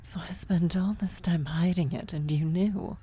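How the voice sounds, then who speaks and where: Sounding surprised and uneasy, a woman performs an ASMR fantasy role as a worried vampire sorceress of blood magic, a tender lover weighed by guilt. Her pitch is fairly low and her intonation fairly even, the voice breathy and soft, often sinking to a whisper, the pacing halting and gentle. Birdsong and nature ambience effects fill the outdoor backdrop.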